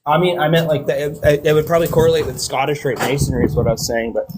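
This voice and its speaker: A man in casual live stream chat, quick to push back and argue his point. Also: a little high, flat delivery, darkish tone, slight background noise.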